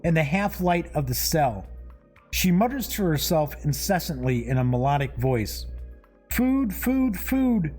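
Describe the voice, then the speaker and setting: A man's voice: fairly high pitch, darkish tone, husky. A man hosting a live board game playthrough, reading entries aloud and commenting casually between them. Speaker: host.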